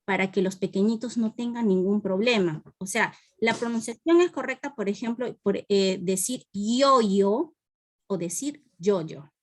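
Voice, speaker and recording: A woman's voice: mid-range voice, normal speed, few pauses. A woman from the Peruvian Amazon asking her teacher a long, rambling question in an online class, with many fillers. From Peruvian Amazon, Iquitos.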